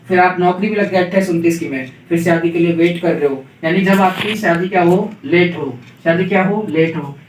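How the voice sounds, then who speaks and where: A male English teacher from India with a Hindi accent, running a vocabulary lesson and repeating every question so students call back the answer. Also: high-pitched. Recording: echoey room, mic at a distance.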